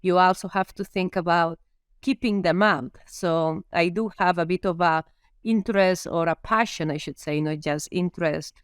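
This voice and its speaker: Her voice is on the low side and smooth, at a moderate pace, captured in a dry, clean studio recording. A Spanish-accented veterinary professor in her fifties from Spain, she works through her podcast interview answers thoughtfully with lots of ums.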